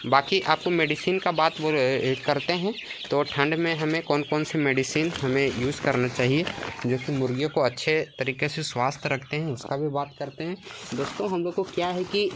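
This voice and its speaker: A man's voice: a little high, fairly even intonation, normal speed, noisy background. A male poultry farmer giving an informal tour of his farm shed with casual advice, often checking in with listeners. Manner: casual, repeats "है ना" and "देखिए". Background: chickens clucking.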